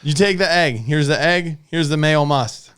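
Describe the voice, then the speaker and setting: A man co-hosting a casual podcast, animated and quick to laugh, demonstrating a snack recipe. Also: on the high side, clear, resonant tone. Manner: animated, laughs often, talks with mouth full. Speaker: podcast co-host. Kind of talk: casual chat.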